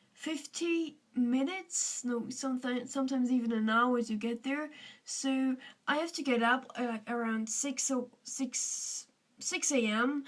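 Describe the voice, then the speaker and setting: Teen girl vlogger, Austrian German accent, rambling casual talk, high voice, mic a bit distant. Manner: chatty, rambling, with many fillers and restarts. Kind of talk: casual chat to camera.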